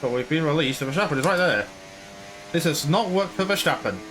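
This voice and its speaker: A man's voice: fairly high pitch, lively intonation, a little fast, background noise. A man casually commentating his own racing game play, chatty and rambling, sometimes slipping into mock broadcast commentary. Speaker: gaming YouTuber.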